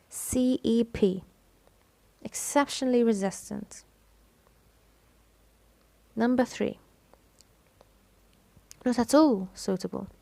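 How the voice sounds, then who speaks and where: A woman teacher with an Egyptian Arabic accent who gives a bilingual lecture, reading English phrases slowly and carefully, then explaining quickly in Arabic. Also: a little high, mellow, no room sound. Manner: switches between slow careful English and fast Egyptian Arabic.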